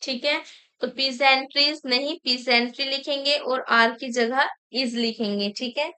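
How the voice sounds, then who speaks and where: A woman teaching an exam-prep grammar lesson, slowly dictating example sentences and explaining each correction. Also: sits high, steady tone, sharp tone, clean tone, low-quality recording. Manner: mixes Hindi explanation with English sentences.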